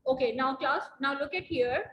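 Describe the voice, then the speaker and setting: A woman's voice: high voice, moderate pace, highs cut off. A woman teaching a biology lesson in an online class, patient and repetitive, stopping to correct pronunciation and calling on students. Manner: patient, repeats key points, addresses students as "beta". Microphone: video call. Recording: echoey room, faint background noise.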